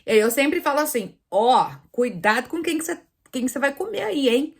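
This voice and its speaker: A woman teaching Spanish pronunciation in Portuguese, lively, asking viewers questions and demonstrating sounds aloud. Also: sits high, normal speed, gravelly, breathy edge. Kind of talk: online language lesson.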